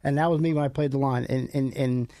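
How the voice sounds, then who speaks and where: A man's voice: medium pitch, steady tone, quick pace, dark tone, dry recording. A man from Long Island, the technical director, adding short dry quips in casual chat. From Long Island, New York.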